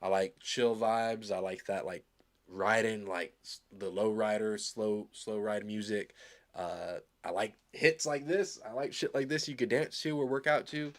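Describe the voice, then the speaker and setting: A man's voice: fairly low pitch, fairly even intonation, a little slow. A man from Arizona giving loose, rambling, upbeat commentary as he reacts to a new song. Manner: loose, rambling, filler-heavy, enthusiastic. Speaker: music reaction host. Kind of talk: casual live reaction commentary.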